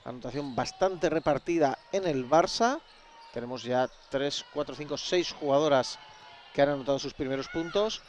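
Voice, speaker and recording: A man's voice: fairly high pitch, moderate pace. A man calling a basketball game live with a Spain Spanish accent. He keeps up a chatty, easygoing flow and turns to talk with the viewers in the chat. Faint noise sits under his voice. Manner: chatty, talks straight to the stream's chat. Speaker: play-by-play commentator.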